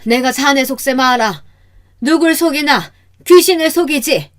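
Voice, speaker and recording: A woman voicing a sharp-tongued older mother-in-law in a radio story, snapping indignant questions. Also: high voice, moderate pace, pitched above the performer's own voice. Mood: scornful.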